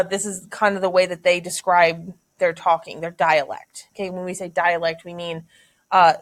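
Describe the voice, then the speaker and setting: A woman's voice: fairly low pitch, fairly bright tone. A woman teacher thinking aloud through a literary analysis lesson, casual, with many fillers and "right?" checks.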